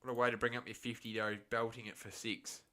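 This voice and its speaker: A man with an Australian accent giving a live cricket reaction commentary, shifting between excited calls and chatty asides. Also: medium pitch, fast talker.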